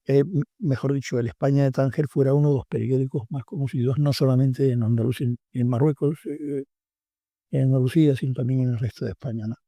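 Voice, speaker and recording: An older book author from Tangier, Morocco, with a Tangier Spanish accent, is a guest in a radio studio interview. His medium-pitched, dark voice is fast with fairly even intonation, and he sounds reflective and hesitant with many fillers; there's no echo.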